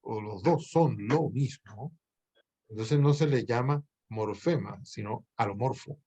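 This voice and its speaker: With a mellow, husky voice at medium pitch, a male language professor explains grammar to his class. He stays patient, reasoning out loud with pauses and self-corrections.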